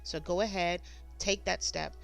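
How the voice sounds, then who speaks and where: Woman doing a sponsor plug, upbeat, gravelly and lowish. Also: steady tone, moderate pace, a bit bright, soft background music. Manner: upbeat, salesy. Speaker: sponsor read host. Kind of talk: ad read.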